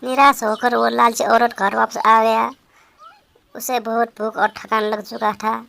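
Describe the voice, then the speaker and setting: Gravelly-voiced woman narrating a storybook. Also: on the high side, little pitch movement, unhurried, fairly bright tone.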